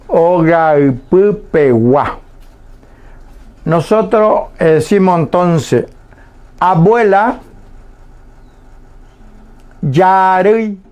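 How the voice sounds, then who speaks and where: A man teaching a language lesson on the radio, saying each word slowly and repeating it patiently so listeners can copy. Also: on the high side, animated, darkish tone. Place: radio studio.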